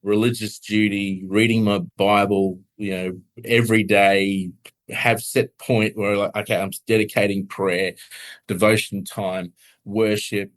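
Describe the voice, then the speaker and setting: Low-voiced man telling a personal story. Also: flat delivery. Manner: halting, earnest storytelling with many restarts and soft laughs. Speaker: podcast guest. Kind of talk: personal testimony in conversation.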